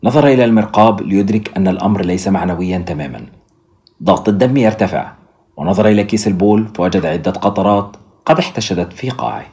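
A man's voice: fairly low pitch, expressive, fast talker, darkish tone. A man narrating an audiobook as a storyteller, speaking to his listeners around a fire.

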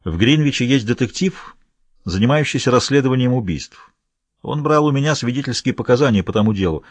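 A man's voice: medium pitch, expressive, a little fast, no room sound, lightly acted. A man voicing a tense male criminal accomplice in an audiobook, blunt and clipped.

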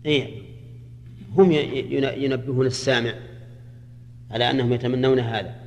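A man from Arabia, a religious scholar teaching a class on Quranic grammar in measured explanations, often checking his listeners with a quick question. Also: mid-range voice, fairly even intonation, slight background noise. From Saudi Arabia. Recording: reverberant hall recording.

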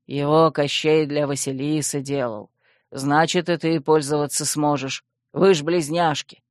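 A woman voicing a fawning, solemn male skeleton servant, in a lowered, slow voice for an audiobook. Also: fairly even intonation, no echo, clean studio sound.

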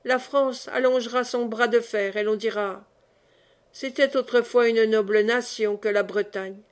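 A woman's voice: a little high, steady tone, unhurried, close to an everyday voice. A woman reading the part of an old man who speaks in exalted, declamatory prophecy. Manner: solemn, declamatory.

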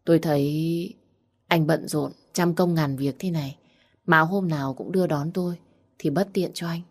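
A woman's voice: deep voice, fairly even intonation, normal speed. A woman narrating a first-person story in an earnest, heartfelt way. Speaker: audiobook narrator.

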